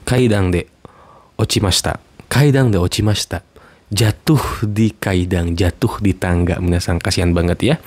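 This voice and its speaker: A man teaching Japanese words in a casual lesson, saying each example sentence twice and repeating translations slowly. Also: low voice. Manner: relaxed, reads example sentences twice, slow clear repeats.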